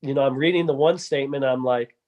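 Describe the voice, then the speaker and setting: A man's voice: medium pitch, steady tone, fast, darkish tone. A man chatting casually on a podcast, rambling with many restarts and fillers. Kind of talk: casual chat.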